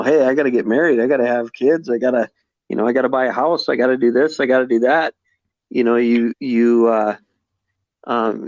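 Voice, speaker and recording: A man's voice: medium pitch, dry recording. A man in his forties, a podcast guest in casual conversation, talking reflectively with many restarts and fillers. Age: 40s. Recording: slightly dull podcast audio.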